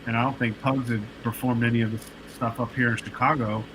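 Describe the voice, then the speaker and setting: This is casual podcast storytelling from a male guest, a producer and artist in his late forties. He talks quickly in a mid-range voice, loose and rambling, full of fillers and false starts, with noise in the background.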